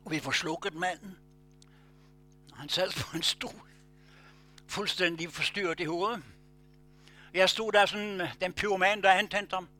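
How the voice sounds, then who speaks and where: A man preaching a sermon, telling stories with loud emphatic bursts and low quiet asides. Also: steady tone, pauses often, soft background music.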